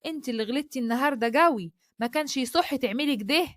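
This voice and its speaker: Woman reading an outspoken young sister, loyal, high and quick. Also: no room sound, studio quality, close to an everyday voice. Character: lively loyal young Upper Egyptian sister.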